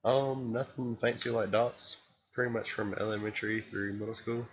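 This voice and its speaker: A man's voice: fairly low pitch, steady tone, moderate pace, highs cut off, slight background noise. A man co-hosting a gaming podcast, telling a story in a laid-back, plainspoken way. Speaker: podcast co-host. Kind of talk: casual podcast chat.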